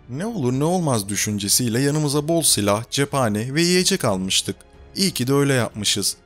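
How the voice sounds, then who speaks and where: A man reading the part of a male doctor, explaining events in a calm, steady manner. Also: medium pitch, natural voice.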